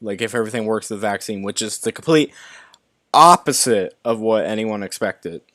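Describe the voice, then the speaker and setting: A man's voice: fairly low pitch, normal speed, a bit bright, no room sound, clean studio sound. A young man hosting a live stream, reading movie news articles aloud and commenting, often stumbling and restarting words. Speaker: YouTube movie news host.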